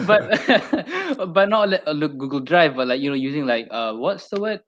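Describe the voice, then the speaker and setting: A man's voice: a little high, fairly bright tone. A young man with a Malaysian accent chatting casually as a podcast co-host, often repeating his phrases. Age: young adult. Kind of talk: casual chat. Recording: slightly dull lo-fi audio.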